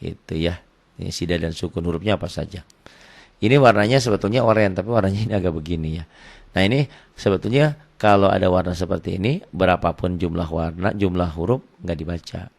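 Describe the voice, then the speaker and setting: A man teaching Quran recitation rules online, explaining plainly and then chanting verses slowly and loudly. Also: low voice, gravelly. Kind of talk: online tajwid lesson.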